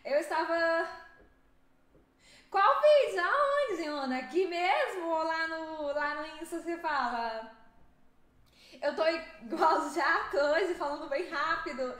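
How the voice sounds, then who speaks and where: Young Brazilian woman, very high voice, rapid chatty game streaming, laughing often, roomy echo. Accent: Brazilian Portuguese. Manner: lively, fast-talking, laughs often. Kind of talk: live stream chat with viewers.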